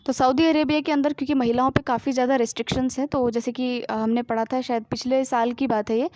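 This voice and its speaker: A woman with a high voice teaches current affairs to exam students. She reads each news item aloud, then breaks it down in simple asides full of fillers. The sound is close and dry, with no room echo. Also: fairly even intonation, quick pace, a little mellow. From India. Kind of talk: explanatory current-affairs lesson.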